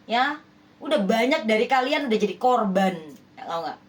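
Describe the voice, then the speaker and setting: Woman, high voice, spiritual reader; speaks to the viewer with emphasis, scolding and persuasive. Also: lively intonation, moderate pace. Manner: emphatic, repeats rhetorical questions like "ya kan?". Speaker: spiritual healer giving love readings. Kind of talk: direct address to viewers, relationship reading.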